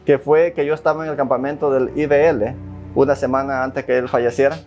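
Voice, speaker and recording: A man's voice: medium pitch, level tone, a little fast, darkish tone. A man in a documentary interview, speaking earnestly about his father, hesitating and repeating words often. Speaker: interviewee, son of the subject. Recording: dull lo-fi sound with faint music.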